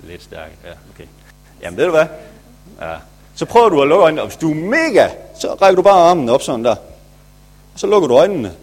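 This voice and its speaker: A man's voice: on the high side, sing-song, pauses often, a little mellow. A man, a pastor, retelling a Bible story for children in a chatty, playful way.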